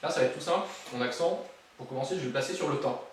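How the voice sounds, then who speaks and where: A man's voice: a little high, very fast, slight background noise. A man teaching a drum lesson, counting beats aloud and joking between exercises, with drums playing behind him. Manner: playful, jokey asides while counting beats aloud. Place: room with a drum kit. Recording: very echoey room, voice from far off.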